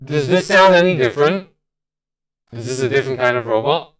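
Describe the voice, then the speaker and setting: A male streamer reading lines through a robot voice filter from his mixer, as a flat game robot. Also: mid-range voice, fairly quick, poor audio. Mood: robotic.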